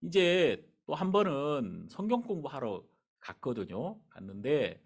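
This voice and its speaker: Male pastor, middle-aged, sermon storytelling, pitch swinging wildly, slightly high. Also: a little slow, vocal fry, breathy edge. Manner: animated, conversational storytelling.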